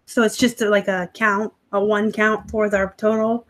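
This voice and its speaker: At a normal speed and medium pitch, this woman's voice shows little pitch movement. She hosts a casual live stream from home as an online reseller, reading comments, poking fun a bit, and laughing often, with audio from her laptop.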